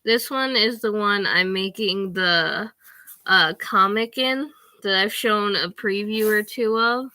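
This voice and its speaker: A woman's voice: medium pitch, takes it slowly, sharp tone, dry recording. A teenage girl chatting casually to the camera from her bedroom, rambling with lots of fillers. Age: teens. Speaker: vlogger.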